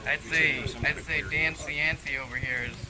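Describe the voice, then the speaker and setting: A man's voice: a little high, steady tone, moderate pace, low-quality recording. A man joking and teasing his friends in casual conversation. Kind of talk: casual banter.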